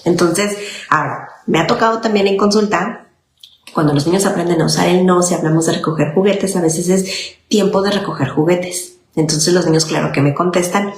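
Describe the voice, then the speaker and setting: Psicóloga mexicana que explica con calma, sala con eco. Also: female voice, lowish voice, normal speed. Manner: explanatory, often checks in with "¿ok?". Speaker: child psychologist. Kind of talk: informal parenting talk. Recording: echoey room with faint noise.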